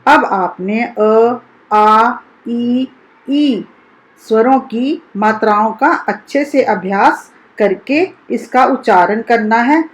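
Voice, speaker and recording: Woman school teacher for a children's lesson: slightly high voice, unhurried, carefully sounds out every syllable. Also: rough recording. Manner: slow, deliberate, sounds out each syllable for children. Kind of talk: recorded primary-school Hindi lesson.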